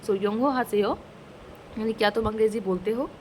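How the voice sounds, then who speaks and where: A woman teaching a casual language lesson, slowly explaining each phrase and repeating it twice, mixing English words into her talk. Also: medium pitch, a little mellow, a little hiss or hum, poor audio. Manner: mixes English words into Hindi.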